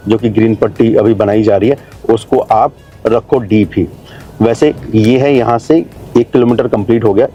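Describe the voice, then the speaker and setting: For his video channel, a travel and real estate vlogger narrates casually while driving a new expressway and stopping at a building site, explaining to his viewers and calling them brother and friends. He has a warm, medium-pitched voice, though the recording is muffled.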